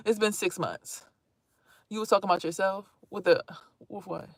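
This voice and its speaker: Speaking at an unhurried pace and medium pitch, this thirty-something vlogger is blunt and animated, cursing freely and chatting aside to her stream viewers. The sound is dry, clean studio audio for her casual live-stream talk.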